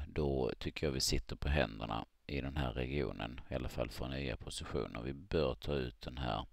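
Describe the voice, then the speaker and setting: A man with a very low, gravelly voice gives a screen-recorded chart analysis. He talks in a halting way, thinking aloud and filling pauses as he goes. The sound is dry and close, with no room around it. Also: no echo. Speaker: market analyst.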